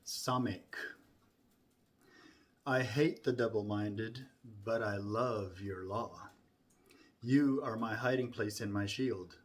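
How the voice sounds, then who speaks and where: Slow, low-voiced man reciting scripture. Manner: deliberate phrasing with emphatic openings that soften at line ends. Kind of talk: solemn Bible recitation from memory.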